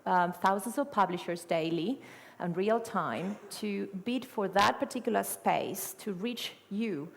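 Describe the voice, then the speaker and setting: A middle-aged woman from Argentina, whose native language is Spanish and who has an Argentine Spanish accent, presents at a conference at a measured pace. Her medium-pitched voice is gravelly, and her talk is full of fillers, self-corrections and rhetorical questions. The hall is reverberant, with slight background noise.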